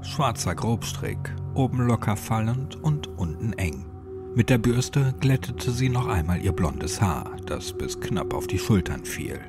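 Lively low-voiced male horror narrator. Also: measured pace. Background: music.

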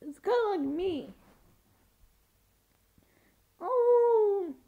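A woman's voice: extremely high pitch, expressive, slow pace, phone-quality sound. A woman with hiccups reacting casually to clips, exclaiming and laughing as she watches. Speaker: video reactor.

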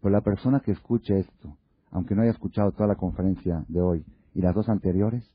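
Male religious lecturer, husky, rhetorical questions, muffled dry lo-fi sound. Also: low voice, steady tone, a little fast, dry recording. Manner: asks many rhetorical questions; acts out little dialogues. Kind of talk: Torah lecture to an audience. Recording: dull lo-fi recording.

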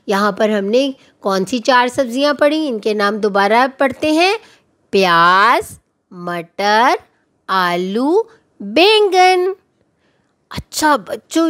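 A woman teacher leads a children's lesson. Her voice sits fairly high, and she talks very slowly. She names each word in a sing-song way. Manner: slow, sing-song naming of words for children.

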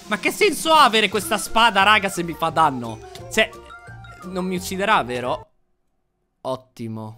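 Excitable man with a lively, bright voice. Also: very high-pitched. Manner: excitable, exclaiming, quick swings between shouts and mutters. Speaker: gaming YouTuber. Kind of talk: excited gameplay commentary.

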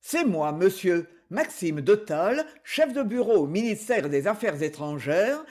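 A woman's voice: medium pitch, big pitch swings, measured pace, a little mellow. A woman voicing an unctuous little clerk. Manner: unctuous, self-important. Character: small fidgety gentleman clerk, unctuously polite.

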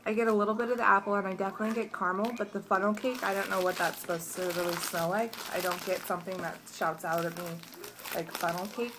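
A woman's voice: mid-range voice, noisy background. A young woman chatting casually through a haul video at home, rambling with many restarts and sounding stuffed up. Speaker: vlogger. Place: home, morning.

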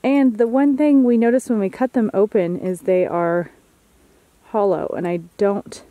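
A woman's voice: medium pitch, fairly even intonation, measured pace, no echo, phone-quality sound. A woman chatting casually on a woodland hike, explaining things as she thinks aloud. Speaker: vlogger. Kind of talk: casual outdoor vlog chat. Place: outdoors in the woods.

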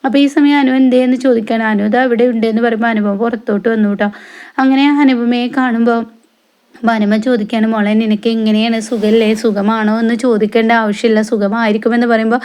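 Fast, flat-voiced woman retelling a serial. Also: fairly high pitch, clean tone. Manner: rapid, even retelling with frequent "eh" fillers and soft trailing tag words. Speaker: TV serial recap vlogger. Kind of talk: casual retelling of a TV serial episode.

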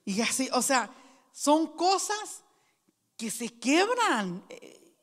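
A woman pastor preaching a sermon and telling personal stories, slow and earnest, with frequent restarts. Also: high voice, very animated. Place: church hall. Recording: long reverb of a church hall.

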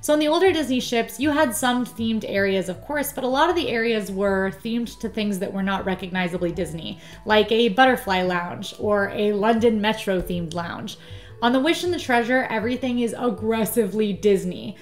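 A woman's voice: medium pitch, normal speed, faint music behind. A woman hosting a travel vlog, chatting in a bubbly, enthusiastic way with the odd "um". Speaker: vlog host. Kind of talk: casual travel vlog chat.

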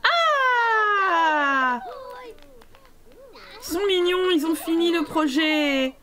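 Chatty high-voiced woman streamer. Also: animated, drawn-out words, bright, forceful tone. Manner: chatty, playful, talks to her game characters and thanks viewers. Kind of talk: live gameplay commentary.

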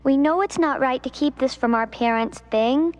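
A woman voicing Wednesday, a composed, clever young cartoon girl with a measured, slightly superior manner. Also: sits high, darkish tone, natural voice. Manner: measured, sensible and a bit superior.

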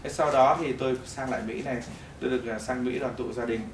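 A middle-aged man giving a testimony sermon in a church hall, telling his story in an animated way that swings between loud bursts and hushed moments. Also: medium pitch, fast talker, noisy background. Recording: echoey hall, mic at a distance.

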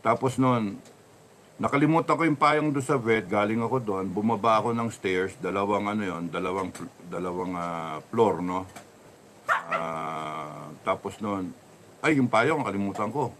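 Man, low voice, casual rambling storytelling, halting with restarts, faint background noise. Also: fairly bright tone.

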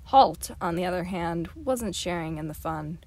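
A woman narrating an amateur audiobook with a somewhat low voice. Her reading is steady and clear, carrying the story along evenly. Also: normal speed. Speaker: audiobook reader.

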